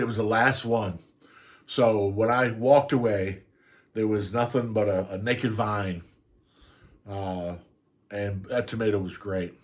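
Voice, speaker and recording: An older man telling a story on his channel in a casual, rambling way, often laughing as he goes. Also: fairly low pitch. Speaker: vlogger.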